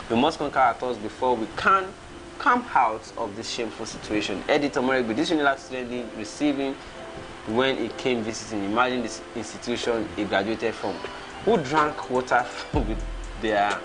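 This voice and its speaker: A Nigerian man in his thirties, hosting a casual livestream and reading out viewer comments, chuckling and reacting as he goes. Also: mid-range voice. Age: 30s.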